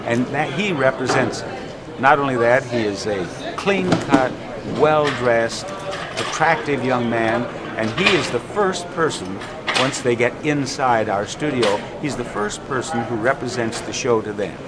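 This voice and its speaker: A man, a TV show producer, explaining his choices in an interview in a measured way. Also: mid-range voice, animated, heavy background noise.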